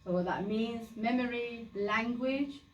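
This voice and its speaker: Her voice is on the high side and a little slow, and the recording is muffled, echoey, and distant. She's a Sylheti-speaking woman from Bangladesh giving a casual talk in a community meeting room, explaining plainly with frequent fillers and false starts.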